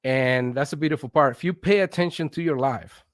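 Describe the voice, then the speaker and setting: Brisk and medium-pitched, a Venezuelan man in his late 40s recounts personal stories as an interview guest, drawing on his work as an instructional design consultant. He speaks Spanish, quotes his own thinking with animation, and keeps asking "right?". The recording is dry.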